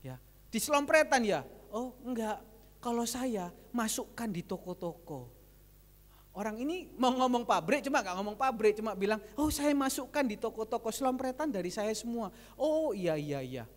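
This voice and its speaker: Male pastor, lively sermon delivery with retold dialogue, recorded in a large church hall with long echo. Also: extremely high pitch, moderate pace. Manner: lively preaching that switches between retold dialogue and addressing the congregation.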